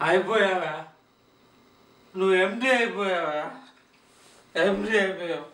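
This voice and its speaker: A man's voice: high-pitched, measured pace, fairly bright tone, slight background noise. An actor playing a drunk poor man who rants at corrupt politicians, repeating his words for emphasis. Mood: ranting. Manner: ranting, repeating phrases for emphasis. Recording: echoey room, mic at a distance.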